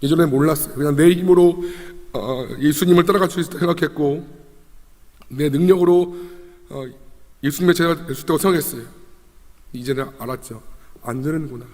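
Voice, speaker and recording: A man's voice: on the high side, a little fast, pauses often, darkish tone. Young male preacher in a reverberant church. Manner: conversational and emotive, with rhetorical questions and repetition. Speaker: junior pastor. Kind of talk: sermon. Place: church sanctuary. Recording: long reverb of a church hall.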